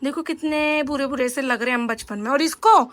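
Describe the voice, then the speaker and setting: Young female vlogger with a high voice, talkative and rambling, speaks straight to camera. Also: a little fast, fairly bright tone, no echo. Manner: chatty and rambling, addresses viewers directly. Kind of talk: casual vlog chat.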